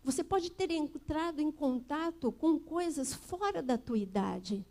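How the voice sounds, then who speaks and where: A Brazilian woman pastor giving a sermon at a church service, telling a personal story in an earnest way that builds to forceful emphasis. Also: sits high, lively intonation, measured pace.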